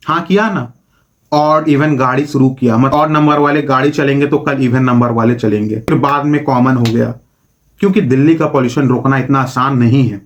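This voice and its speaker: A man hosting a political explainer video, giving scripted commentary in an opinionated tone with rhetorical questions. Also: mid-range voice.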